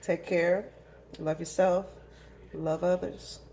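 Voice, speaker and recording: A woman's voice: lowish voice, flat delivery, slow, mellow, slight background noise. A woman chatting casually in her home cooking vlog, talking straight to her viewers and tasting as she goes. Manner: chatty, addresses viewers as y'all, tastes food on camera.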